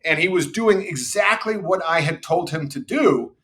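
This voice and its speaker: Speaking at normal speed in a voice that sits high, a middle-aged sales executive swaps confident tales from his career on a podcast. He describes his own voice as loud.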